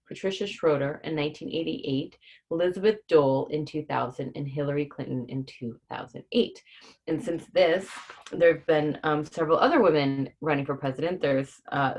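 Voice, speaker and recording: Reading a children's book on a livestream, a woman with a low, darkish, breathy voice talks informally to her young audience. She keeps it simple, breaking down difficult words so children can follow.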